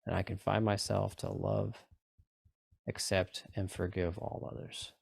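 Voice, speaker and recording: A low-voiced man with a noticeable creak leads a guided relaxation session. He coaxes listeners through repetitive, step-by-step instructions and checks in with brief questions. The sound is dry and free of room echo. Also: flat delivery, unhurried. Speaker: group session leader guiding tapping and relaxation.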